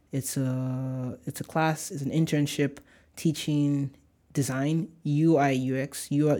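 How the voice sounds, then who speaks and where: The host of a casual solo podcast, a young Nigerian man with a light accent, has a mellow mid-range voice. He rambles along in a cheerful, talkative way.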